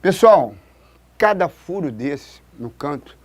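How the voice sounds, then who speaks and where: A man's voice: fairly high pitch, sing-song, slow. A man from Brazil, a writing teacher giving a lesson at a board, pointing things out as he writes. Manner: demonstrative, keeps pointing with "look". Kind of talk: classroom-style lesson at a board.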